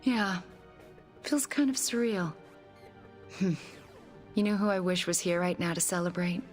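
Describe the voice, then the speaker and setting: A woman's voice: fairly low pitch, measured pace, soft background music, close to an everyday voice. An actress playing a sardonic, self-doubting witch in a video game. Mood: wry. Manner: sardonic, blunt. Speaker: game character. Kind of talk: video game cutscene acting.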